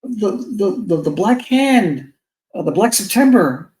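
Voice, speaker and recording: A blunt, heated talker on a casual podcast chat, tripping over restarts as the thoughts pile up. The voice sits mid-pitch and rings out with a big hall-like echo, as if recorded in a large bare room. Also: big pitch swings, slow pace, a little mellow. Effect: echoey sound, as if in a big bare room. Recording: echoey, roomy mic sound.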